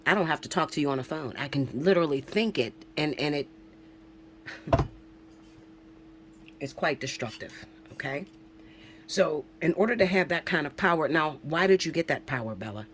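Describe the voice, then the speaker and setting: A woman in her forties with a low, expressive voice speaks at a moderate pace with long pauses, and a faint hiss or hum sits under the audio. She's a spiritual reader chatting casually with viewers in a vlog, emphatic and a bit preachy, swearing freely and repeatedly checking in with "okay?".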